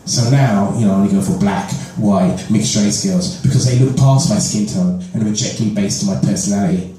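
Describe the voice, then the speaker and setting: On a comedy club stage, a stand-up comic from London speaks in a warm, fairly low voice, fairly quickly, in a London accent, often cracking up at his own lines in a conversational set. The mic sits far away, picking up roomy echo, faint club ambience and slight background noise.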